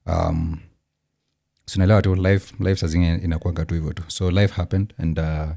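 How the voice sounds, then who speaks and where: A man's voice: sits low, level tone, brisk, vocal fry, dark tone, dry recording, studio quality. A Kenyan man with a Kenyan accent, hosting and reacting casually, switching between English and Swahili slang with frequent ums. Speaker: show host reacting to a clip.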